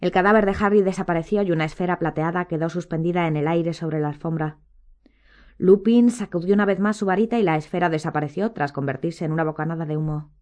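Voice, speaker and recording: Woman reading an audiobook, low and measured. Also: darkish tone. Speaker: narrator. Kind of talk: audiobook narration.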